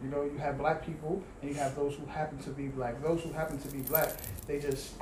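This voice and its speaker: A podcast co-host in a casual discussion asks probing questions and lays out his view at length. His voice is on the high side, flat and a little fast with a darkish tone, recorded in an echoey room with audible noise.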